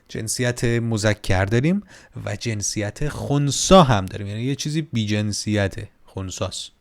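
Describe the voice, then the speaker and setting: A man teaching a casual online German grammar lesson, lively, and repeating words slowly so learners can copy the pronunciation. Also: mid-range voice.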